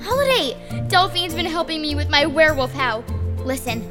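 Excitable little girl for an audio drama, really high and lively, echoing hall sound. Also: normal speed, music in the background. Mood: eager. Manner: eager, dramatic. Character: excitable young girl practicing a werewolf howl. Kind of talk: family audio drama acting.

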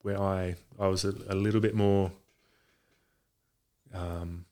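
Man, low-pitched, little pitch movement, hesitant, rambling, casual conversation. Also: flat delivery, slow, mellow, clean tone. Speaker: podcast guest, boxing coach. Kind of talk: casual chat. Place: home garage.

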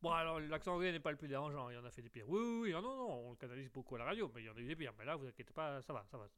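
A man's voice: on the high side, expressive, rapid-fire, fairly bright tone. Playful, rambling man hosting a radio show. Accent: slight English accent. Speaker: radio host. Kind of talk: live call-in show hosting.

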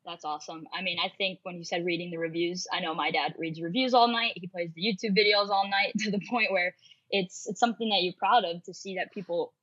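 Woman co-host, eager, lowish voice, dry muffled lo-fi sound. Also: fairly even intonation, a little fast, a bit bright, no room sound. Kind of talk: casual chat.

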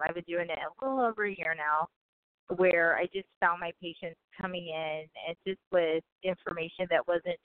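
A woman's voice: fairly low pitch, smooth, no echo. A woman in her thirties from Guyana, a physician talking about her career as an interview guest, chatty with frequent laughs and ums. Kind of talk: casual interview answers. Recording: tinny phone-like line.

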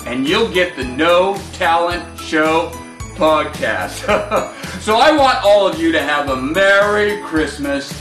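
Jolly, slow-talking old Santa Claus. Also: male voice, a little high, lively intonation, fairly bright tone. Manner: jolly, folksy, chuckling ho-ho delivery. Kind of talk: scripted podcast promo in character. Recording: roomy, distant mic under jingly music.

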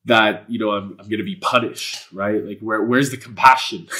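At a normal speed and with a bright, forceful tone, a low-voiced, earnest man speaks as a guest in candid interview talk. He's from Canada and grew up speaking Polish. Spiritual and earnest, he rambles, leaning on fillers and swearing.

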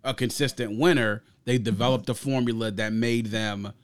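A man with a clear, resonant mid-range voice hosts an album review discussion at a moderate pace and a steady tone. He's reflective and conversational, laying out his opinions in long explanations built on extended analogies.

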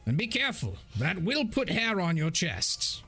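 A man's voice: wildly swooping pitch, moderate pace, creaky, pushed and bright, slightly rough, soft background music, full character voice. A man doing a jolly tipsy old lord. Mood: jovial. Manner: booming belly laugh, grand and generous. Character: jovial old nobleman, drunk and hearty.

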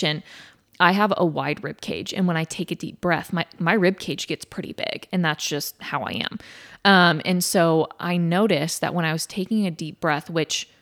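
A young woman co-hosting a podcast, chatting with emphatic, lively retelling. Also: fairly low pitch. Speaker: podcast co-host. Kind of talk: casual chat.

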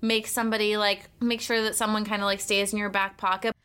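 A woman in her thirties, a podcast guest giving relaxed, chatty dating advice with many "like"s. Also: medium pitch, a little fast, clean tone. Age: 30s. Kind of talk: casual podcast chat.

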